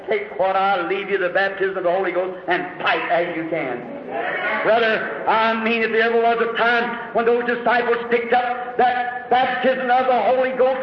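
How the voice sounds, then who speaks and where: A man preaching a sermon, telling stories dramatically and rising to shouts. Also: very high voice. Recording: echoey hall, dull lo-fi recording.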